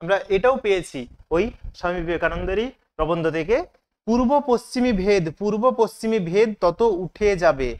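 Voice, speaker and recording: A male teacher with a fairly high voice works through an exam paper, question by question. He asks the class each question and answers it himself a moment later. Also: normal speed, darkish tone. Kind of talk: online exam-prep lesson.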